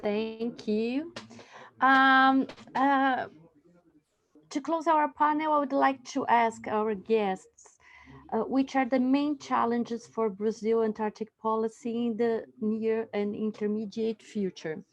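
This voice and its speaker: A woman moderating a webinar panel over a video call, speaking in measured phrases with filler sounds between them. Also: fairly high pitch, fairly even intonation, dull audio.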